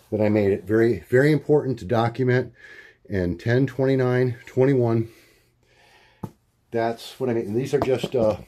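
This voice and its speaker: A man talking to his camera at home in a rambling video diary, halting often with fillers and restarts as he hunts for words. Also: dark tone. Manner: acts out quoted voices in a much higher pitch. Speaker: vlogger.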